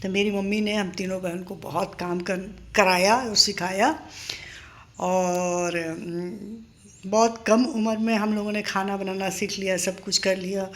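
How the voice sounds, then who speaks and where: A woman's voice: medium pitch, fairly even intonation, measured pace. An older woman chatting in a casual home vlog, reminiscing and encouraging her viewers. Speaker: vlogger. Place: home in a paying-guest house.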